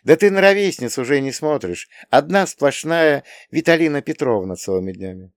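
A guilt-ridden young woman lieutenant weeps as she talks, her voice pitched high and pleading, put on by a man reading an audiobook. It swoops around a lot and sounds dry and close, with no room around it. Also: lively intonation, moderate pace, dry recording. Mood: guilty. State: crying. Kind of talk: audiobook character voice.

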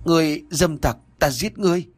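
A man's voice: mid-range voice, quick pace, lightly acted. A man voicing a fierce, proud young swordswoman who speaks coldly and scornfully, in a storybook reading. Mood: furious. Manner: cold, scornful, shouting in anger.

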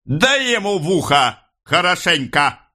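A bullying police officer. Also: male voice, big pitch swings, measured pace, heavily acted. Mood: shrieking rage. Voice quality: shrill, cracking, hoarse shouts. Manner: screaming abuse, squealing in outrage. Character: shrieking, bullying police officer, middle-aged man. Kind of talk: audiobook reading.

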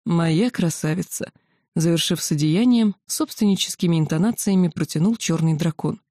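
Женщина читает фэнтези-роман от первого лица: ровная, выразительная подача, мягкий тёплый тембр. Запись сухая, близко к микрофону, без эха. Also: female voice, lowish voice, a little fast, dark tone, no room sound, studio quality. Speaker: audiobook narrator. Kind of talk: first-person novel narration.

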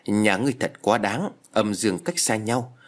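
A man's voice: lowish voice, moderate pace, natural voice. A man doing a stern old exorcist master. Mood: scolding. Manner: commanding, scolding.

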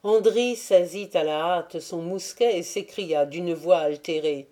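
A woman narrating a classic novel as an audiobook in slow, measured, deliberate phrases. Her voice is low and dark. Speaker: audiobook reader. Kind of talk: scripted narration.

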